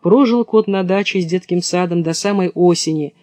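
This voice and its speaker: A man narrating a children's storybook in a lively storytelling manner. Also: high voice, moderate pace, no room sound. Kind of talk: storybook reading.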